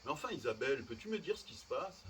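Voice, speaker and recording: A man voicing a baffled, suspicious old mother who keeps firing indignant questions. His voice sits at a middling pitch and sounds a little distant from the mic, with a faint outdoor hum behind it. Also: very animated, quick pace, a bit bright. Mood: bewildered. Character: elderly mother, bewildered and suspicious.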